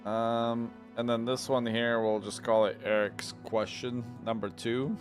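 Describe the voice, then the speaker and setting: A man's voice: mid-range voice, flat delivery, a little slow, faint music behind. A man hosting a livestream, chatting laid-back with viewers while he edits podcast clips. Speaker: streamer and podcast host. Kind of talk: casual livestream chat.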